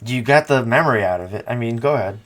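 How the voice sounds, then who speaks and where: A man's voice: medium pitch, expressive, fast talker, a loud crowd. A man hosting a podcast in casual chat, teasing and swearing a lot. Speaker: podcast host.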